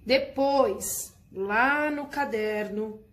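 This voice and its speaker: Patient woman teacher explaining slowly. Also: fairly high pitch. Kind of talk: recorded class lesson.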